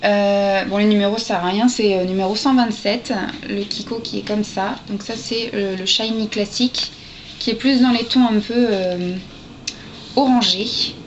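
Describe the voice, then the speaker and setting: A woman's voice: mid-range voice, normal speed. A woman chatting casually to her camera as a beauty vlogger, hesitant and full of fillers, with little asides as she handles things. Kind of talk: casual haul chat to camera. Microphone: camera's built-in mic. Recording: dull lo-fi camera audio with steady hiss.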